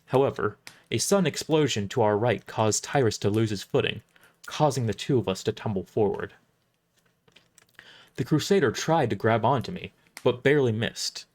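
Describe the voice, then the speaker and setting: Narrating an audio drama in the first person, this medium-pitched male reader sounds somewhat halting. He frequently goes back and starts his lines over.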